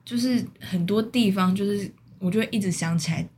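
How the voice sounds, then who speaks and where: Quick-speaking woman, faint background hiss. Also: mid-range voice, a little mellow. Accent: Taiwanese Mandarin. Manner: short prompting interjections. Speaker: podcast co-host. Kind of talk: casual chat.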